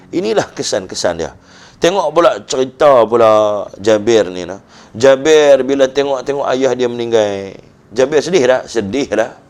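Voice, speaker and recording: A man with a northern Malaysian Malay accent, a religious teacher giving a lively storytelling talk to young people. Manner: animated storytelling, voicing quoted figures with rising pitch.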